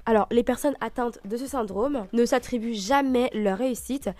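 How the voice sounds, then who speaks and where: A woman's voice: fairly high pitch, moderate pace, warm tone, no room sound. A woman hosting a personal podcast in monologue, answering questions, with a lisp that makes her s sound slushy. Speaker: podcast host. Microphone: own microphone with homemade pop filter.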